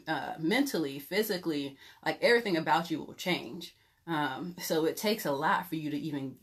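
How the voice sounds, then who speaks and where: A young woman leads a Bible teaching in a loose, conversational manner, often pausing on fillers as she shares frank stories from her own life. Her voice sits notably low for a woman. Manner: conversational, filler-heavy, candid and self-revealing. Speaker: pastor teaching a Bible lesson. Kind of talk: informal teaching talk.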